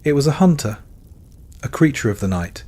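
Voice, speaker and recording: A man reading scripted bedtime narration in a solemn, measured way with deliberate phrasing. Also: medium pitch, very animated, darkish tone.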